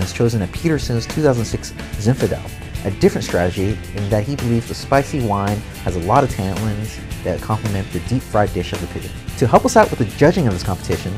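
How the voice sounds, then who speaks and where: A man narrating a food and wine show, explaining recipes step by step in an upbeat way. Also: lowish voice. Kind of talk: cooking show voice-over narration.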